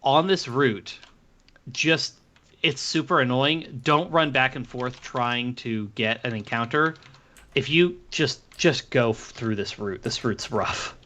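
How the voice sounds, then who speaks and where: Bright-voiced man chatting over a game. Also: medium pitch, takes it slowly. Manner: relaxed, thinks aloud with restarts. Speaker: podcast co-host playing a game on stream. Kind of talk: casual gaming chat.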